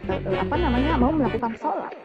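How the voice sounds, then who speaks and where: A woman's voice: high-pitched, animated, quick pace, lo-fi sound, over loud music. A woman giving an emotional personal testimony to a congregation, often turning to address her listeners directly.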